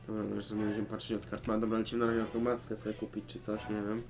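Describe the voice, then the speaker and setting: A young Polish man talks through a video game in a casual, sweary way. Game music plays clearly behind his voice. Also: fairly low pitch, completely flat delivery, racing. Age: young adult. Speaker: let's player commenting on a video game. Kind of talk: casual gaming commentary with swearing.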